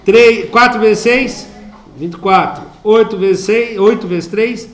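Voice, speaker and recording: Speaking slowly in a high voice, a Brazilian man with a Brazilian Portuguese accent teaches math in a school classroom, joking around, chatting and asking students questions as he solves problems. The echoey recording carries a little hiss or hum.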